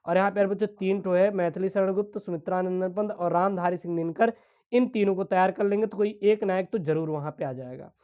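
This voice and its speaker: A woman teacher, explaining exam questions step by step and reading literary passages aloud slowly. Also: mid-range voice, lo-fi sound. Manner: explains step by step, keeps calling students "dear children". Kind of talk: exam-prep lesson.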